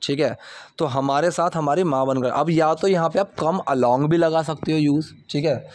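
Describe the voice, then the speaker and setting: A man teaching English by explaining movie subtitle lines, reading each example sentence slowly and deliberately. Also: on the high side, a little mellow, no room sound.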